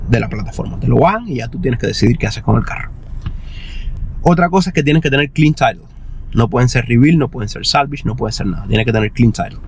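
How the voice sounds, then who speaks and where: A man talking casually in a vlog, explaining things step by step in a conversational way, as someone who buys and resells used cars. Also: mid-range voice. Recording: noisy vehicle and outdoor ambience.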